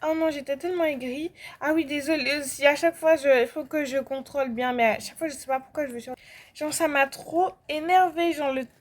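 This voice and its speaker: A young woman with a French accent chats casually as she plays, her voice sitting high. She rambles through fillers and restarts and breaks into sudden outbursts. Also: a little fast. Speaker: gaming vlogger. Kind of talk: casual chat while playing.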